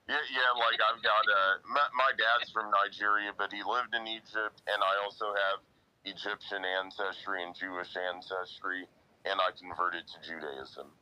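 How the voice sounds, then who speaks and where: Earnest man with a bright, forceful voice. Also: lowish voice, fairly even intonation, normal speed, highs cut off. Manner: earnest, quotes himself often. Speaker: guest in online audio chat. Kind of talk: casual chat.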